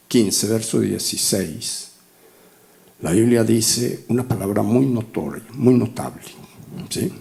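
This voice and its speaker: This man's lowish voice is gravelly and dark in tone. In his sixties, he is a pastor leading a Bible class with a conversational teaching sermon, regularly checking in through short rhetorical questions.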